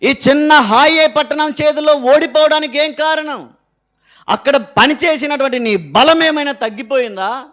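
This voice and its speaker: A man's voice: very high voice, moderate pace, fairly bright tone. A man voicing a grieving male leader who cries out and pleads with God, firing off desperate questions. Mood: anguished pleading. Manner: crying, pleading, rhetorical questions.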